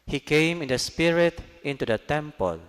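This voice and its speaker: A man reading scripture as a priest at Mass, solemn, measured and formal, with cathedral echo around his voice. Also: a little high, expressive, smooth, faint music behind. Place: large church, amplified. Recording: cathedral echo, long church reverb.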